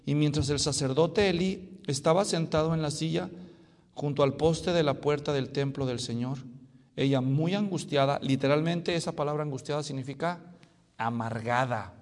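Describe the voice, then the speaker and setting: Male pastor for a sermon, animated and playful with the congregation, pitched a little high. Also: normal speed, in a large hall. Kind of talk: expository sermon. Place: church sanctuary.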